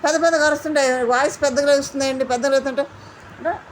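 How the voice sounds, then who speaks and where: Fast-talking high-voiced woman reviewer. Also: steady tone, slight background noise. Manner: indignant, quotes housemates in mimicry. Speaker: reality show reviewer. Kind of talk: animated commentary recap.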